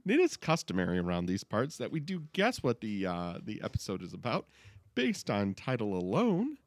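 A man's voice: fairly low pitch, huge pitch swings, normal speed, no echo. A man hosting a casual comedy podcast, talking in a playful, exclamatory way. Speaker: podcast host.

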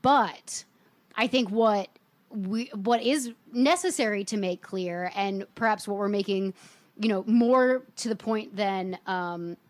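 A woman in an informal panel discussion who talks haltingly and often rephrases mid-thought. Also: mid-range voice, no echo. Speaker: history panelist.

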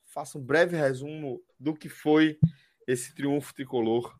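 A man's voice: a little high, steady tone, measured pace, darkish tone. A male host. He steers a live sports programme casually, using plenty of informal slang.

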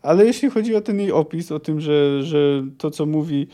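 A man hosting a book podcast, musing casually and stopping often to restart his sentences. His voice sits a little high for a man, yet the tone is dark and mellow. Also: moderate pace. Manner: thinking aloud with many restarts and fillers. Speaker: podcast host discussing a book.

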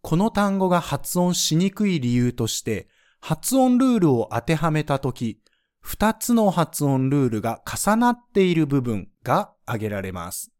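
A man's voice: a little high, big pitch swings, a little slow, a little mellow. A man teaching French pronunciation in a scripted lesson, explaining the rules patiently and spelling out sounds one by one.

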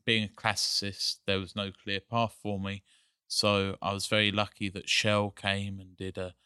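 A man with an English accent, a guest on a podcast, talking in a measured, articulate way with frequent pauses to think. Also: low-pitched, sharp tone, clear, resonant tone, no room sound, clean studio sound. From England. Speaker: guest, energy company CEO. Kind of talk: casual podcast chat.

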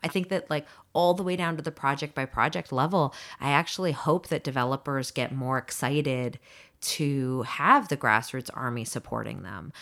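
Woman, thirties, low voice, animated, laughs a lot, casual podcast guest. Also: moderate pace, vocal fry. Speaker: housing advocacy group leader, guest.

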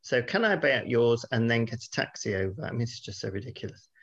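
A man's voice: mid-range voice, expressive, quick pace, slightly rough, highs cut off. A British man hosting a podcast, telling his side of a petty dispute in an exasperated, sweary, interrupting way. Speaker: podcast host. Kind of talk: casual bickering storytelling.

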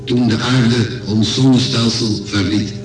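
A man acts a programmed guardian machine in a science fiction radio play. The voice is formal and mid-pitched, set in an echoing space with music underneath. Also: fairly even intonation, unhurried, lightly acted. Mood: impassive. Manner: formal, impassive, matter-of-fact. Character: programmed robot guardian of an imperial library. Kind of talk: radio drama acting. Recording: echoey radio drama with music bed.

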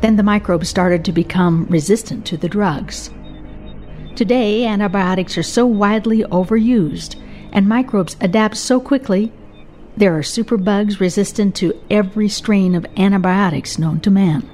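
A woman's voice: medium pitch, moderate pace, darkish tone, soft background music. A woman with an American accent reading scripted narration as a science radio host and reporter.

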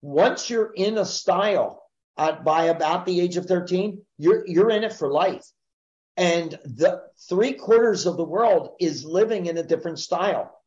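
A man's voice: high voice, lively intonation, measured pace, darkish tone, muffled recording. A man speaking as a guest in a podcast interview, explaining sales ideas in an assertive, emphatic teaching manner.

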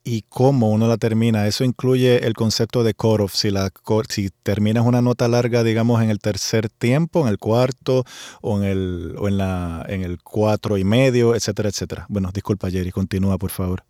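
A man with a somewhat low voice hosting an interview, breaking in now and then to explain a musical term plainly for his listeners. The recording is close and dry. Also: fairly even intonation, moderate pace, mellow, no echo. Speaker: host. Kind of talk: interview chat.

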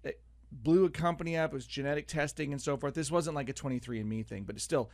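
A middle-aged man hosts a radio talk show in the studio, his voice sitting a little high for a man. He rambles along with jokes and plenty of "uh"s. The sound is close and dry, with no room in it. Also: fast talker, darkish tone, no echo. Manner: rambling, joking, many fillers. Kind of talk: casual on-air chat.

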